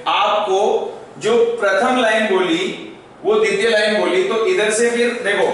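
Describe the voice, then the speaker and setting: A male school teacher giving a classroom lecture, chanting grammar forms in a slow sing-song tune and checking in often with "okay?". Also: high-pitched, a bit bright. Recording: very echoey, far from the mic, faint noise.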